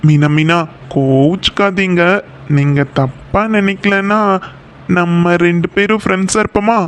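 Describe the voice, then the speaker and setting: A high-pitched male voice for a nervous, smitten young working man in a village cartoon, played by a man. He speaks with a Kongu Tamil accent, fretting and coaxing in a soft pleading way. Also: fairly even intonation, a little slow, clean tone. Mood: wooing. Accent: Kongu Tamil (Coimbatore). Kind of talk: cartoon voice acting.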